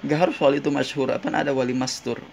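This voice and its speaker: A man's voice: mid-range voice, little pitch movement, rapid-fire, creaky, a little mellow, slight background noise. A man giving a casual Islamic sermon, reciting Arabic sayings and translating them, often asking his listeners if he's right. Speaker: preacher. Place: in Jeddah.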